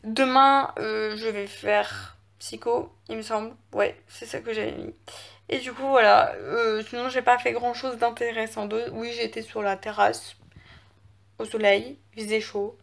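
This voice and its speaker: A woman's voice: a little high, steady tone, a little slow, gravelly, fairly bright tone. A teenage girl, chatting casually in a home vlog, rambling with lots of fillers and hesitations. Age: teens. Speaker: vlogger. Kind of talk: casual chat. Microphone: phone camera.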